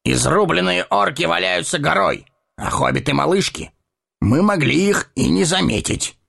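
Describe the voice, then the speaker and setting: An actor playing a proud, commanding horse-lord guard captain in an audio drama. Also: male voice, a little high, lively intonation, normal speed, vocal fry, a bit bright, full character voice. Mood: earnest.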